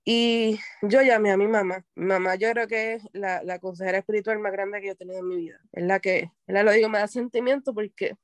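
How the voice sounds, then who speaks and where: A woman's voice: mid-range voice, flat delivery, fairly quick, few pauses, dry recording. A woman, earnestly telling a personal faith testimony in a conversation and acting out the dialogue as she goes. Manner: earnest storytelling, acts out dialogue. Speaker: guest sharing a personal testimony.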